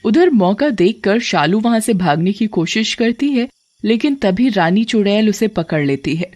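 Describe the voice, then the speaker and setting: A storyteller narrates a spooky cartoon tale. The delivery is steady and plain, at a middle pitch. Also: normal speed, no room sound.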